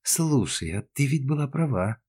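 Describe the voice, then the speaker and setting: A man's voice: medium pitch, lively intonation, moderate pace, a little mellow, husky, voice pushed up. A man voicing Irina, a brash, impulsive woman passenger with a cheeky, whiny manner in an audiobook.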